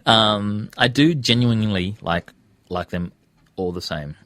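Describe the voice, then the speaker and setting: Speaking a little slowly, this Australian radio presenter and podcaster appears as a casual interview guest with a low, slightly bright voice. His delivery is hesitant and discursive, full of rephrasing as he circles his ideas. The sound is close and dry, with no room sound.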